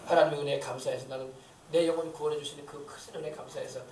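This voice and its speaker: A man's voice: a little high, steady tone, very fast, darkish tone. A male pastor preaching a sermon in a church, fervent and emphatic, with many rhetorical questions to the congregation. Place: church sanctuary. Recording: echoey church hall, mic at a distance.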